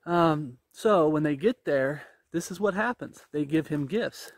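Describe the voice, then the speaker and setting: A man's voice: fairly high pitch, measured pace, no echo. A man in his forties preaching informally and emphatically as he walks outdoors, pressing his points with rhetorical questions, recorded on a phone at arm's length. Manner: talking while walking. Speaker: religious vlogger. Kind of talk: informal preaching while on a walk. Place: outdoors on a wooded path.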